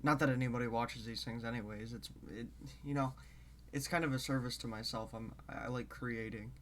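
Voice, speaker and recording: Rambling, halting man, a bit congested. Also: mid-range voice, steady tone, fairly bright tone, slight background noise. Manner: rambling, halting, drifts between topics. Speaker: show host. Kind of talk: casual solo talk to camera.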